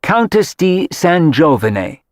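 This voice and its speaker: A man's voice: a little high, big pitch swings, normal speed, no echo, studio quality, pitched above the performer's own voice. A man voicing an imperious, disapproving middle-aged mother who calls herself a countess, reading an audiobook. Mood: haughty. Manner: grand, disapproving.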